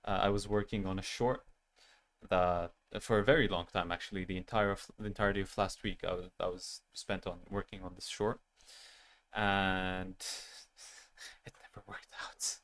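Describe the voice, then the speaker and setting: A man with a youthful-sounding voice who streams games with an animated avatar, rambling in a self-deprecating way as he chats with his viewers at the end of a stream. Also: low-pitched, moderate pace. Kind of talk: casual end-of-stream chat.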